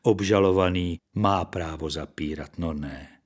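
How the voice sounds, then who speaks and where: A man reading aloud, voicing a pudgy, beer-smelling male ex-convict who talks slowly in a mournful, sugary-polite way. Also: low voice. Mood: mournful, fawning.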